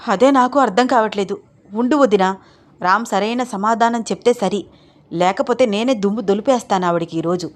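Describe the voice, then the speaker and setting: A woman's voice: a little high, steady tone, brisk, long pauses, a little mellow, close to an everyday voice. A woman voicing a caring but firm sister-in-law in a read-aloud audio story.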